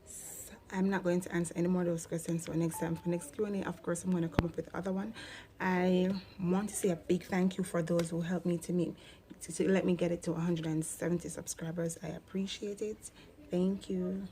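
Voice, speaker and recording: A Jamaican woman in her thirties chats her way through a casual Q&A vlog. Her voice sits a touch low and sounds warm and mellow. She drifts easily into patois now and then. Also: level tone, fairly quick, slight background noise. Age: 30s. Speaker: vlogger.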